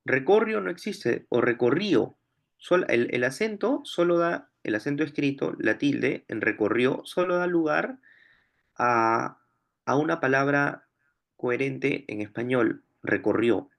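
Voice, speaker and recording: A man's voice: mid-range voice, expressive, unhurried, vocal fry, a bit bright. Man explaining grammar exercises step by step. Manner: explanatory, thinks aloud while solving. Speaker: language teacher. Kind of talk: explaining exam questions on phonology.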